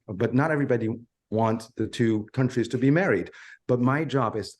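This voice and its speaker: A middle-aged Chinese violin professor with a Chinese accent answers interview questions earnestly and emphatically, telling his story in short phrases. His voice is lowish and darkish in tone.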